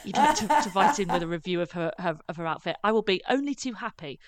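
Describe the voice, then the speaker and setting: Chatty woman, smooth voice. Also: on the low side, quick pace, no echo. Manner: chatty, animated, laughing asides. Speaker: podcast co-host. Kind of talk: casual chat.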